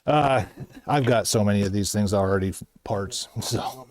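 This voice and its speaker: A man's voice: on the low side, a little slow, darkish tone. A middle-aged man working as a shopkeeper, chatting casually with customers. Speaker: shop owner or clerk streaming.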